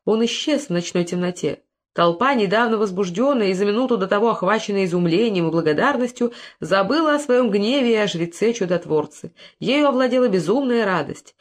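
Woman reading a novel aloud, expressive, normal pitch. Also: brisk. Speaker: narrator. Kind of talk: audiobook narration.

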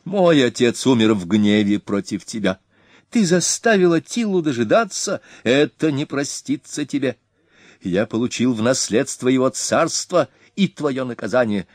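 A man voicing an insolent, cruel young Hun prince with a shrill, grating, high voice, shouting threats. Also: huge pitch swings, slow, hardly any pauses, breathy edge, no room sound, clean studio sound, heavily acted. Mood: arrogant shouting.

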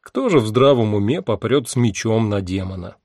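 Calm wry male audiobook narrator. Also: normal speed, dry recording, clean studio sound. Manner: calm, wry storytelling, drops low on speech tags. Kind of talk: first-person audiobook narration.

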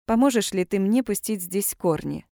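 A woman's voice: mid-range voice, lively intonation, moderate pace, creaky, warm tone, dry recording, studio quality. A woman reading a bold, teasing woman. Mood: pleading. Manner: teasing, blunt. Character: bold, teasing woman, former army doctor.

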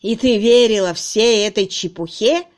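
A woman's voice: medium pitch, measured pace, lightly acted. A woman reading a cruel, sneering young male farmhand in an audiobook, harsh and mocking.

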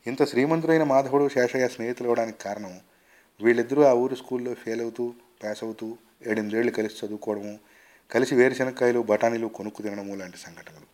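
A man reading a short story aloud in a measured, expressive storytelling manner. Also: mid-range voice. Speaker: story reader.

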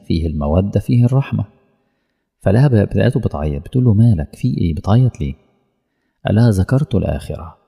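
Egyptian male preacher, quick storyteller, husky dark voice, long hall reverb. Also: fairly low pitch. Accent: Egyptian Arabic. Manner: colloquial storytelling, acting out dialogue. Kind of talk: sermon.

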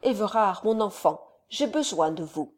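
A woman voicing a scheming older male count who speaks to his son in a measured, solemn, persuasive way. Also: medium pitch, lively intonation, natural voice. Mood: stern.

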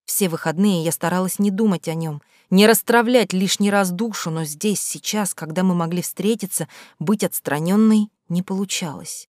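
A woman reading a first-person novel aloud with expressive, measured storytelling. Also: fairly low pitch, dry recording, clean studio sound. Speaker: audiobook narrator. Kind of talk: first-person audiobook narration.

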